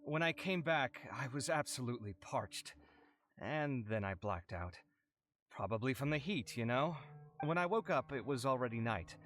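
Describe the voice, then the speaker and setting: A man's voice: mid-range voice, expressive, moderate pace, fairly bright tone, lightly acted. A man voicing an earnest, talkative young male architect in a game, with faint music behind.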